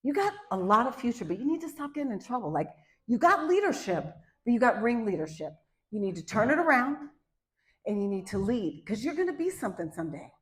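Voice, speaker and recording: A woman on stage acting out a friendly male school dean giving a calm, fatherly lecture. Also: a little high, brisk.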